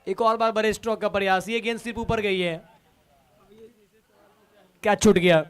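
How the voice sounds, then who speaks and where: A man's voice: high voice, fairly even intonation, fast, a bit bright, smooth. A man commentating on live cricket, discussing the match with a partner and addressing viewers. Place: commentary box at a cricket ground.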